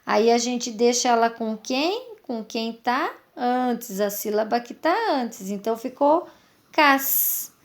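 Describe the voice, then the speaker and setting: Brazilian woman teacher, higher voice, stretches syllables for small kids. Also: animated, darkish tone. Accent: Brazilian Portuguese. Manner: slow, drawn-out syllables, coaxing questions to children. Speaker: primary school teacher. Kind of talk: online lesson for young children.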